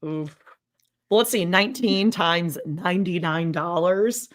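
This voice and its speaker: A woman's voice: fairly low pitch, unhurried. Woman co-host, blunt and sarcastic, casual snark with the occasional swear. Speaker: podcast co-host. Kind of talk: snarky casual watch-along chat.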